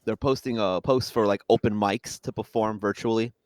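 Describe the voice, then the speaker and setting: A young man from Long Island, a guest in a casual chat, talking in an animated, quick way and laughing as he goes. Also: lowish voice, no room sound, clean studio sound. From Long Island, New York.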